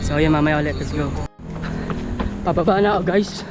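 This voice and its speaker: Casual Filipino vlogger, speaking breathlessly while running outdoors, middle pitch, cheering self on in short bursts over clear background music. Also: normal speed. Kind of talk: casual running vlog, talking to viewers while running. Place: outdoors along a roadside.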